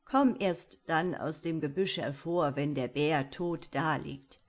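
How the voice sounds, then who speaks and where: A woman voicing a little old grey man of the forest who calmly gives instructions. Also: low-pitched, slow, voice pushed down. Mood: instructing.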